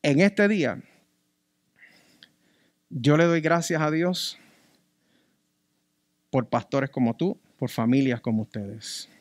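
A man with a Puerto Rican accent preaching a sermon as pastor, emphatic and repeating key words, swinging between loud and soft. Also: medium pitch, takes it slowly, pauses often, dry recording, studio quality.

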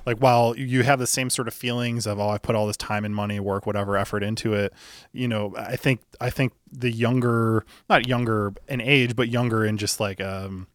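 A man's voice: fairly low pitch, fairly even intonation, brisk, no echo, studio quality. A man hosting an interview podcast, chatting casually and asking friendly follow-up questions. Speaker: podcast host.

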